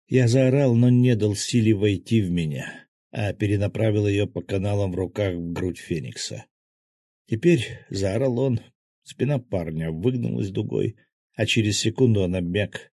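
A man's voice: lowish voice, dark tone, no room sound. A man narrating a fantasy audiobook in the first person, with a terse, dry inner monologue.

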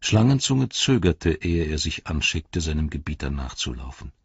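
Deep-voiced male audiobook narrator. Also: big pitch swings, normal speed, husky, dry recording. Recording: dry, slightly dull studio read.

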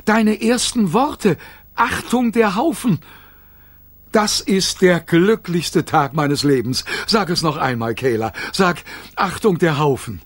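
A man voicing a delighted, soft-hearted father in a storybook reading, speaking slowly and emphatically. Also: on the high side, lively intonation, no room sound. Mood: overjoyed. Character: overjoyed middle-aged father, soft-hearted.

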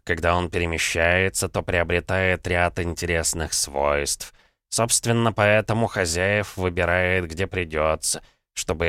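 Man voicing a sardonic talking cat, slow drawl, deep low tone, smooth and clear, dry close sound, audiobook. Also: fairly bright tone, no room sound. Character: sardonic talking castle-guardian cat, male.

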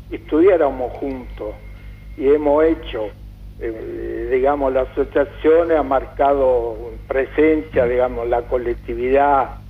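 An older man from Calabria, Italy, reminiscing as a radio interview guest, halting and full of fillers. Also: medium pitch. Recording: tinny phone-like radio sound.

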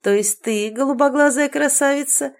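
A woman's voice: sits high, voice pushed up. Give me a woman playing a mocking, menacing scarred bandit man in a storybook. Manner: sneering, slow and taunting.

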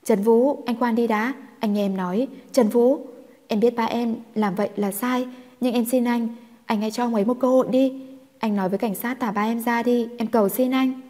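A woman's voice: on the high side, fairly even intonation, moderate pace, dark tone, big-room sound, natural voice. A woman voicing a desperate young woman who begs tearfully for help for her father. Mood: pleading. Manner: pleading, tearful.

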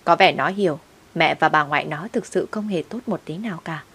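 A woman narrating a first-person story in a steady, unhurried way. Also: low voice, slightly rough.

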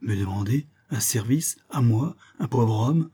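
A man's voice: medium pitch, animated, measured pace, warm tone, slightly rough. A man voicing a miserly old male moneylender who whines and laments, in a storybook reading. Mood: whining. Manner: wheedling, lamenting.

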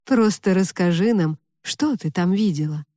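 A woman voicing an ancient male lord of the underworld in an audiobook, calm and commanding, with a slow, low, hushed voice. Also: dry recording, studio quality. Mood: calm, paternal.

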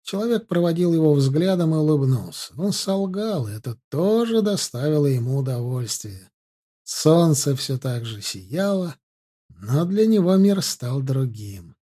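A man narrating an audiobook story in a measured, dark storytelling manner. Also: a little high, big pitch swings, slightly rough. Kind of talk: scripted narration.

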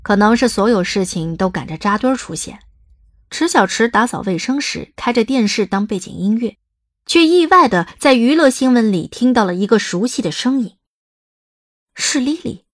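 A woman reading the narration of an audio drama in a smooth, lightly wry storytelling manner. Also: on the high side, animated, moderate pace, no room sound, clean studio sound.

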